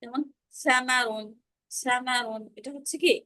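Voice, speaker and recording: A woman's voice: high-pitched, steady tone, unhurried, pushed and bright. A woman teaching Arabic letter pronunciation in an online class over a video call, patiently repeating sounds for students to echo. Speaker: Quran recitation teacher.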